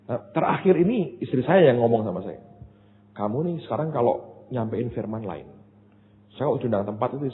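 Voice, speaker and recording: A middle-aged man preaching a sermon as pastor, telling stories conversationally and rising excitedly at times. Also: mid-range voice, slight background noise. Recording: tinny phone-like sound with long hall reverb.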